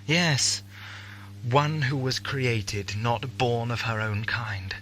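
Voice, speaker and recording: An actor playing an anguished, self-blaming eccentric adventurer in an audio drama, theatrical and brooding with bitter outbursts. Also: male voice, mid-range voice, slow, fairly bright tone. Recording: faintly noisy 1980s amateur audio tape.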